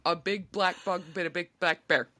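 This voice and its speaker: A woman's voice: lowish voice, fairly even intonation, moderate pace, sharp tone. A young woman co-hosting a podcast, giggling often and trading crude, playful banter in a casual chat. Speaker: podcast co-host.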